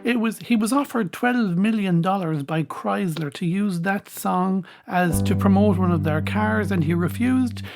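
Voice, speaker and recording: A woman's voice: medium pitch, measured pace, vocal fry, hardly any pauses, a little mellow. A woman hosting a music podcast, chatting casually between songs with frequent ums and restarts.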